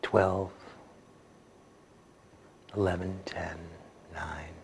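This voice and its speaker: Low-voiced man in slow hypnotist mode. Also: flat delivery. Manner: slow, soothing, repetitive hypnotist delivery. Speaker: hypnosis instructor. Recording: clear background noise.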